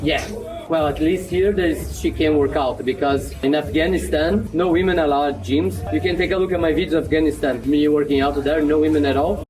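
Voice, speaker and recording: A man's voice: fairly high pitch, fairly even intonation, fairly quick, over music, low-quality recording. Enthusiastic man vlogging casually. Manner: enthusiastic, repeats "super", playful. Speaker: travel vlogger. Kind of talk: casual travel vlog chat. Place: outdoors in city streets and a gym.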